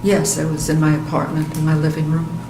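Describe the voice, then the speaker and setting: An echoey courtroom microphone picks up an older woman with a flat, lowish voice. She answers as a witness, plainly and hesitantly. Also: fairly quick. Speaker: witness testifying. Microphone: witness-stand microphone. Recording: echoey courtroom with clear background noise.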